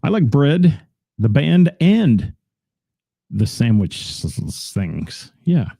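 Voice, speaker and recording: A man's voice: medium pitch, big pitch swings, slow, gravelly, dark tone, slightly rough, dry recording, studio quality. A man hosting a local radio show in a rambling, chatty, self-deprecating way, greeting listeners and talking about gigs. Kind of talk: casual radio chat reading listener comments.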